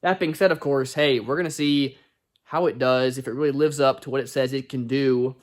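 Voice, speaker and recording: A man reviewing car audio gear in an excited, folksy vlog style, often calling out to viewers. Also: mid-range voice, fairly quick. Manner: excited, folksy, says "y'all" and "guys" a lot. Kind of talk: enthusiastic product review vlog.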